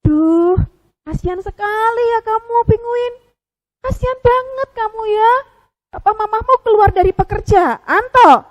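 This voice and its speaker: A woman voicing Pupi, a cute, caring animal friend in a children's puppet story, asking eager, high questions. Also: expressive, unhurried. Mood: sympathetic.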